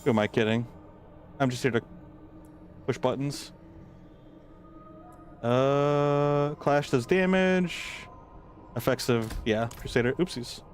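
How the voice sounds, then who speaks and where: A man's voice: medium pitch, takes it slowly, long pauses. A man streaming a game, chatting casually and rambling with lots of fillers. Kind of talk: casual gameplay chat.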